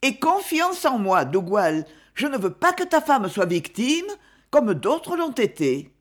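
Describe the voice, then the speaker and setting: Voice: medium pitch, big pitch swings, unhurried. A narrator voicing a grave, secretive aristocratic mother who warns her son in a solemn, insistent tone. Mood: gently insistent.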